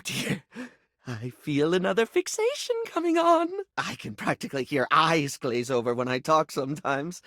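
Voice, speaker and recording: A flamboyant, scatterbrained male toiletry object from a video game, brought to life, speaks in a light, high, slightly bright voice that swings dramatically up and down. He gushes and rambles theatrically with camp endearments, affectionate but insecure, in a confessional, vulnerable mood. The exaggerated performance is recorded close and dry, with no room sound.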